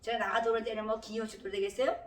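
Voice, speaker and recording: A woman's voice: a little high, level tone, very fast, slight background noise. A middle-aged woman pastor giving a sermon in a conversational way, now and then rising into emphatic exhortations. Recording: roomy echo, heard from a distance.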